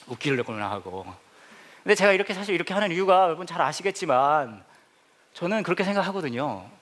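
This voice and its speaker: Male pastor, comic preacher, higher voice swinging widely, playful storyteller with bursts of exclamation. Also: big pitch swings, quick pace, fairly bright tone. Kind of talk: humorous sermon. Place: church hall with a laughing congregation.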